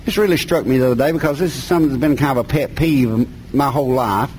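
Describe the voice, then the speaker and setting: A man's voice: medium pitch, fast, darkish tone, a little hiss or hum, rough recording. A middle-aged man from the North Carolina mountains with an Appalachian accent, preaching a sermon and reading scripture in a folksy, plain-spoken way with colloquial grammar. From mountains of North Carolina, USA.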